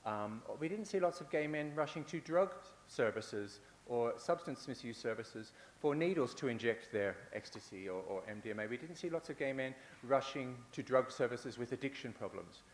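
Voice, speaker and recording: In a large conference hall, a man gives a talk, building his points through repeated phrases and rhetorical moves, with the occasional filler or restart. His medium-pitched voice is animated, at a moderate pace with few pauses, and the hall echoes with a faint hiss.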